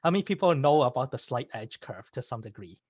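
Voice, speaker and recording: A man giving a prepared speech over a video call, halting and correcting himself, clearing his throat. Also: mid-range voice, lively intonation, a little mellow, no echo, clean studio sound. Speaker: club member giving a speech.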